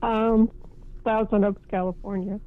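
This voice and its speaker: A woman in her fifties calls in over the phone, her voice squeezed thin and tinny by the line. She speaks in a weary, wry way, at a middle pitch for a woman. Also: fairly even intonation, a little slow. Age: 50s. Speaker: caller.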